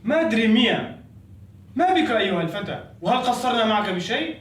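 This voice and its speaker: A man's voice: high-pitched, sing-song, fast talker, a bit bright. A man playing a grandiose, self-styled Andalusian craftsman and poet who speaks in lofty formal phrases with Spanish greetings. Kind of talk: comedy sketch acting. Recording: echoey room, voice from off-mic.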